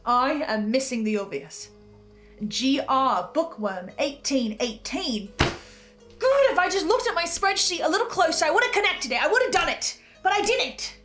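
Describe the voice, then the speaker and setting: Soft music plays behind this woman as she narrates scripted analysis for her fan theory video series, earnest and theatrical, her wording precise. She speaks at a normal speed in a high-pitched, animated, slightly bright voice.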